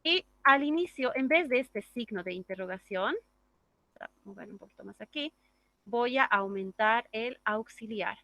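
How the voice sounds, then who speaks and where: A woman's voice: on the high side, moderate pace, sharp tone, dry recording. A woman teaching an English grammar class, explaining step by step and checking in with the class through tag questions. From Bolivia.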